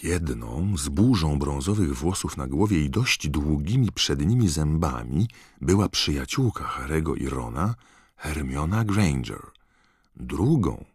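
A man reading a story aloud as an audiobook narrator, expressive and scripted. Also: extremely low pitch, slow, breathy edge, dry recording, clean studio sound.

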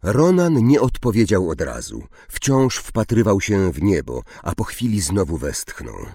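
Male audiobook narrator, deep gravelly tone, slow and very expressive, dry close sound. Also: dry recording. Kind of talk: storybook narration.

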